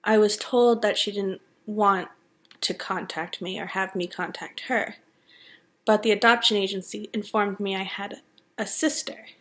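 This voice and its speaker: A woman in her twenties from Connecticut, calmly telling her own story in a matter-of-fact way. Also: mid-range voice, a little slow. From Connecticut, USA. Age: 20s. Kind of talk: plain personal narration.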